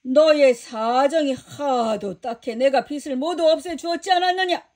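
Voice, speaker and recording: A woman's voice: normal speed, darkish tone, close to an everyday voice. A woman doing a stern commanding master. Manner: booming scolding.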